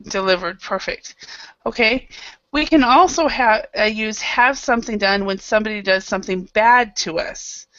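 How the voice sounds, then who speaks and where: Bright-voiced woman teaching English. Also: medium pitch, moderate pace, no room sound, lo-fi sound. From Idaho, United States. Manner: patient, encouraging, many fillers. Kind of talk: online English class.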